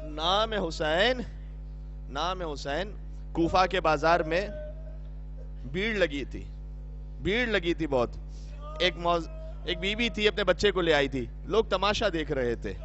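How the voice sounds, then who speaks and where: A man's voice: fairly high pitch, animated, long pauses, a bit bright, soft background music. A male preacher giving a mournful Muharram sermon in Urdu, with a Pakistani accent, impassioned and weeping as he cries out the story. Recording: dull lo-fi recording.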